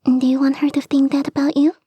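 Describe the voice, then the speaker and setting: Close to a dry microphone with no echo, a woman voices a clingy young kitsune fox girl in an intimate ASMR roleplay. Her natural voice sits high and moves fast, soft, breathy and often whispered, with a flat delivery that is coaxing and sweetly insistent.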